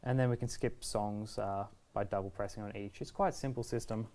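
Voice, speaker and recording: This twenty-something man's voice is fairly low, warm, steady, and brisk as he presents a relaxed, reassuring product tutorial step by step. He's at a table in an indoor shop video studio.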